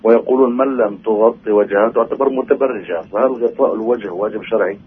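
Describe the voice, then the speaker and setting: A man's voice: on the low side, quick pace, husky. A man calling a radio programme, putting questions carefully in fairly formal Arabic. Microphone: telephone. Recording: noisy narrow phone line on radio.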